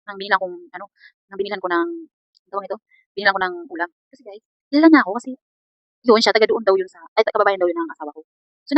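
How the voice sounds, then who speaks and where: A woman's voice: mid-range voice, no room sound. A woman tells a rambling personal story to her viewers in a casual vlog. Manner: rambling, chatty, keeps saying "guys". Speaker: vlogger. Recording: dull lo-fi sound.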